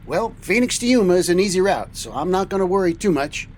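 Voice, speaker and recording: A man with a high, slightly mellow voice and lively intonation talks at a quick pace, with slight background noise. He hosts a semi-scripted radio-serial roleplay as an upbeat, easygoing, enthusiastic trucker captain in a space-cadet style.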